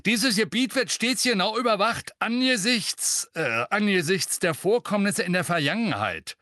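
A stern, matter-of-fact female official speaks crisply and firmly in a raised voice, as a male narrator puts her on. The recording is dry and close. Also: sits high, animated, moderate pace, bright, forceful tone, no echo, pitched above the performer's own voice. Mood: brisk.

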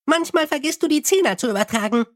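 A man voicing a tiny, fussy, eager male imp with a high chirpy voice, in an audiobook reading. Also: lively intonation, fast. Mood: eager chirping.

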